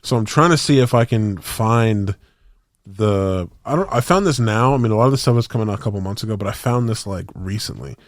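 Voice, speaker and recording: Young dude, kinda low voice, slangy rambly podcast chat, dry sound. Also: male voice, animated, a little fast, no echo. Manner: rambling slangy storytelling with many restarts. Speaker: podcast co-host. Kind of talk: casual chat.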